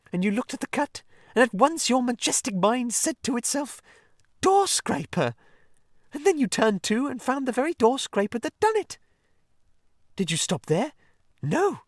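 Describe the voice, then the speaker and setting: A man's voice: on the high side, no room sound, clean studio sound, voice pushed up, full character voice. A man voicing a fussy, pettish male mole who is stubborn and literal-minded, speaking in a prim, indignant way.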